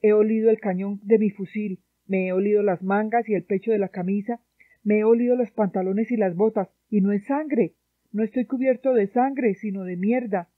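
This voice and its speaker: A woman's voice: mid-range voice, steady tone, normal speed, dry recording, natural voice. A haunted young soldier, read by a woman. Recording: dry, tinny phone-like sound.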